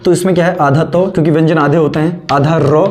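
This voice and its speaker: Teacher, online grammar lesson, dictates notes, repeats sentences slowly, answers its own questions. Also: medium pitch, fairly even intonation, a little mellow. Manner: asks the class questions and answers them itself. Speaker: Hindi teacher.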